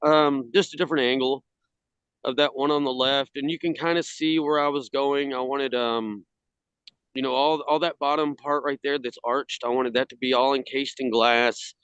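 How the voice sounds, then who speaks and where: A man on a video call from outdoors in the cold, casually presenting his hobby work in a halting way. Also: medium pitch, fairly even intonation, fairly bright tone, clean tone, dry recording. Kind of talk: casual slideshow talk. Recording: slightly dull video-call audio.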